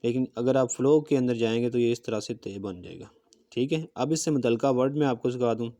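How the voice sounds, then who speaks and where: A man's voice: mid-range voice, brisk, mellow. A man teaching a handwriting lesson, explaining patiently step by step while he demonstrates pen strokes with a marker. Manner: patient step-by-step explaining, often checking in with "okay". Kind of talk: recorded calligraphy lesson.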